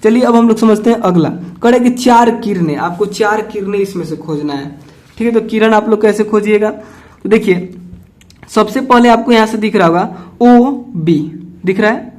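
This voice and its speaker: High-voiced Indian man teaching maths. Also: moderate pace, a little mellow. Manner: patient, repeats "ठीक है" and asks himself questions. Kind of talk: solving textbook exercises step by step.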